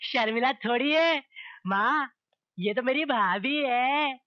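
A childlike simple young man, high pitched, eager, dry muffled film sound. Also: slow, no echo. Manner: childish, repetitive, pleading. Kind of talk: 1990s film acting.

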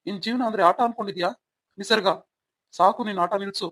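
A performer plays a young husband in a home-made audio drama, devoted but quick to flare up. He coaxes and asks over and over, then snaps. Dry, close sound with no room. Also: mid-range voice, no echo, lightly acted. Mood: angry. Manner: coaxing, repeats questioning "hmm?". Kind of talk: amateur Kannada audio drama.

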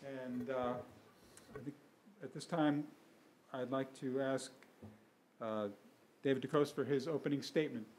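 An older man, the moderator of a public candidates forum, explaining the rules at a podium microphone in a relaxed, halting way with many fillers. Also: mid-range voice. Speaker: event moderator. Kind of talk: opening remarks at a public forum. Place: school meeting room, at a podium. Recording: roomy hall with faint room noise.

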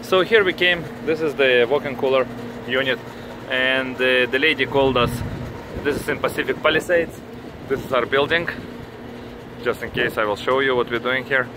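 A repair technician, a man with a heavy Russian accent, explaining his hands-on work in halting, repetitive phrasing. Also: medium pitch, fairly even intonation. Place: outdoors on a commercial rooftop. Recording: noisy outdoor handheld recording, traffic ambience.

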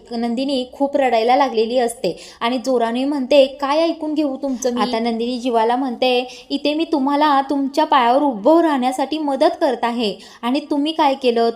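Woman, high voice, episode recap narrator, reads character dialogue with light acting. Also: darkish tone.

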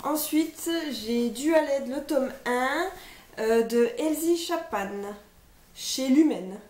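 High-voiced woman listing books slowly. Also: expressive, darkish tone. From France. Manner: hesitant, many fillers, lists titles one by one. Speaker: book vlogger. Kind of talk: casual chat presenting books. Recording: echoey room, faint noise.

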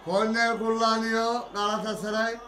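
A man with a high, bright voice reacts live to a football match in an echoey room. He calls the play like a commentator and shouts and curses at the players. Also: level tone, moderate pace, slight background noise. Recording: roomy echo.

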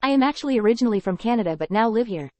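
A woman saying short English sentences for learners, repeating each phrase three times in a careful, even delivery. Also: a little high, very fast, no echo. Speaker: model speaker for English learners. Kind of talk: slow repeated example sentences.

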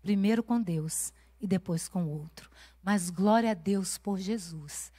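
A woman's voice: mid-range voice, unhurried, warm tone, husky. A woman preaching a sermon at a women's conference in a church, telling a personal story with a passionate, rising and falling cadence. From Brazil.

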